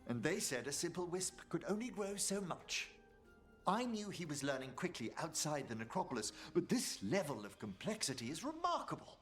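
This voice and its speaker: A man's voice: a little high, very animated, moderate pace, a bit bright, soft background music. An actor playing a refined, earnest elderly male necromancer in a video game, speaking with formal, precise diction.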